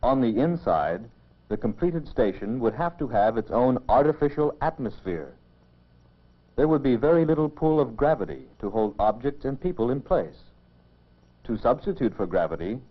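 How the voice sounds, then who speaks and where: In a mid-range, expressive voice, a man delivers measured, explanatory scripted narration for a mid-century educational film. The soundtrack is dull and old.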